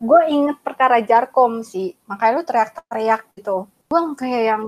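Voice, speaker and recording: A young adult woman co-hosting a podcast, telling a story and acting out the quotes in a lively way. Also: on the high side, normal speed. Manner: animated retelling with acted-out quotes. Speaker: podcast co-host. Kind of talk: casual chat, storytelling.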